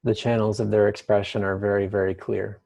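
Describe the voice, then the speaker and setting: Low, creaky man guiding a mystical meditation. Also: level tone, brisk, warm tone. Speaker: guided meditation leader. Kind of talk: guided meditation.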